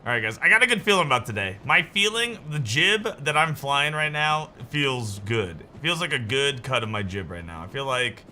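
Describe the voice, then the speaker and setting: Bright-voiced, lively young male streamer. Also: medium pitch, normal speed, few pauses, a little hiss or hum. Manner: joking, rambling, bursts of excited yelps. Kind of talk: casual chat while gaming.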